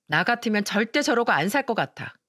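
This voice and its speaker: A woman's voice: medium pitch, sing-song, fairly quick, bright, forceful tone, no echo, clean studio sound. A woman voicing an arrogant, selfish young sister-in-law who talks with scorn and whining complaint. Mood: scornful whining.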